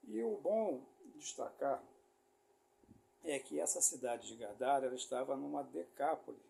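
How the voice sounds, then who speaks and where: A man's voice: mid-range voice, moderate pace, creaky, dark tone. A man from Rio de Janeiro with a Carioca accent, teaching a loose, rambling sermon full of fillers and tag questions. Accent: Brazilian Portuguese, Rio de Janeiro. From Rio de Janeiro, Brazil. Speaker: preacher.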